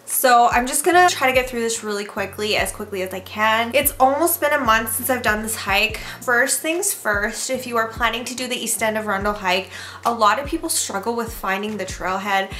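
A woman in her thirties talking casually to camera in a small room at home, chatty and relaxed as she recaps a hike. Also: on the high side. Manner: chatty and relaxed, with fillers like "so yeah". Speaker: hiking vlogger. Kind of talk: casual vlog talk to camera.

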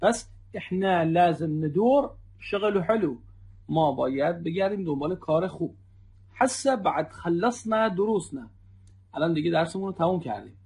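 Male teacher, gravelly rasp, husky, a bit higher pitched, repeats phrases for learners. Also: a little mellow. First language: Persian. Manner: repeats phrases, addresses viewers as friends. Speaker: Arabic dialect teacher. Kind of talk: online language lesson.

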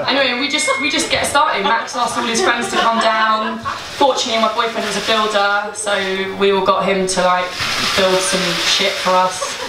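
A young woman on stage telling the story of starting a bakery, chatty, swearing freely and laughing through her words, into a handheld microphone. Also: a little high. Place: small indoor event space with a seated audience. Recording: roomy live-event sound, picked up from a distance, with room noise.

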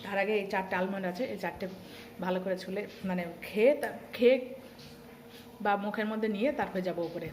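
A woman's voice: medium pitch, fast, long pauses, a little mellow, reverberant, a little hiss or hum. A housewife vlogger chatting casually to her viewers as she walks them through her day at home. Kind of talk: casual vlog narration to viewers. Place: at home, kitchen and rooftop.

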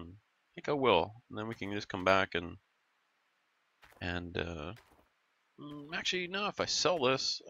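Here a Canadian gaming-channel host talks casually through his play, thinking aloud, fixing his own words and sounding congested and growly. His voice is mid-range, creaky, pushed and bright, in a muffled recording.

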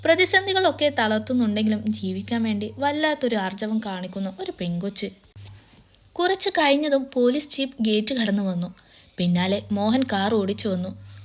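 A woman reading a romance story aloud, voicing every character in the same even narrating voice. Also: on the high side. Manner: reads all characters in one even narrating voice.

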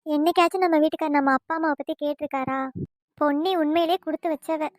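A woman's voice: high voice, steady tone, fast, dry recording, clean studio sound, natural voice. A woman doing a wistful, resigned housewife. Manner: sighing, envious, resigned. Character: wistful neglected elder sister-in-law. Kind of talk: cartoon voice acting.

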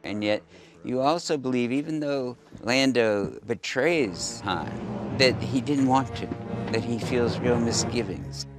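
A man speaking in a measured, analytical way in an interview. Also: mid-range voice, music in the background.

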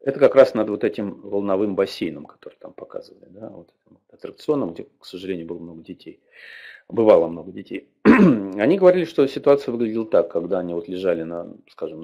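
An older male lecturer with a husky, somewhat low voice that rises and falls in lively swings. He talks in a loose, digressive way, often pausing to check that his listeners follow. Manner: digressive, frequent filler particles and tag questions. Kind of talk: academic lecture.

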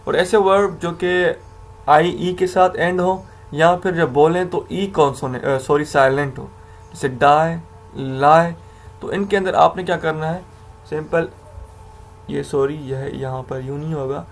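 A man's voice: fairly high pitch, a little slow. A man teaching English grammar to learners, patiently explaining rules, repeating examples and correcting himself as he goes.

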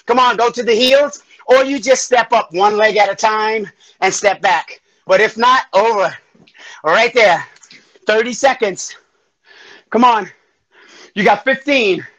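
With the highs cut off, the recording carries a very high male voice belonging to a fitness instructor. Running a live home workout, he breathes hard, counts down reps, calls out moves and energetically urges people on.

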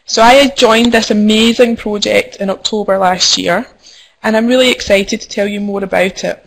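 A young Scottish woman presents to an online conference as a midwife, friendly and a little formal. Her voice sits at a middle pitch, and she often pauses with "um". A faint hiss runs under the web-call audio. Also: fairly even intonation, gravelly, rough recording. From Scotland. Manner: friendly, frequent ums, careful and formal in parts. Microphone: computer mic over web conferencing.

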